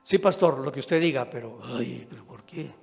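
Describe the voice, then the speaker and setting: A low, soft-spoken grumbler voiced by a male preacher mutters his reluctant agreement with sighs and whiny objections. It sounds like a service recorded in a reverberant hall, with music faintly underneath. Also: moderate pace, gravelly, natural voice. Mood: grumbling. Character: grumbling churchgoer who complies while complaining.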